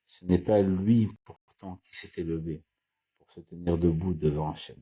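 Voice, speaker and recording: Man, Torah lesson, very low voice, husky, halting reading. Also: fairly even intonation, dark tone. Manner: slow, halting reading with restarts and repeated phrases. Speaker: Torah teacher. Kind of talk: reading and explaining Torah commentary.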